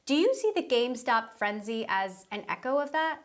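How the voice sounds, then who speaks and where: Crisp woman interview host. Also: fairly high pitch, animated, normal speed. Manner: crisp, scripted. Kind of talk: interview questions and narrated intro.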